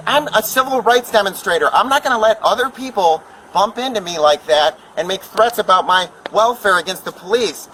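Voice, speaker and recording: Brief: high, bright-voiced man in a heated argument, swearing and talking over people. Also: a little hiss or hum, rough recording. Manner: agitated, swearing, talks over others. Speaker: street protester.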